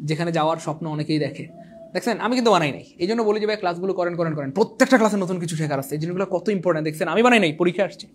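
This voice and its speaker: A young man who teaches an exam prep lecture in an animated, teasing way, repeating points and quizzing his viewers. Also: high voice, slight background noise. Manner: animated, repetitive, teasing, asks the viewers questions. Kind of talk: online lecture.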